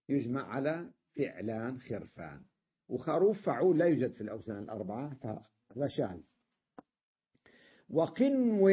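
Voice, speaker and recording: A man teaches a grammar class, walking through each point step by step and checking often that his students are keeping up. His voice is a little high with a breathy edge, and the recording sounds muffled.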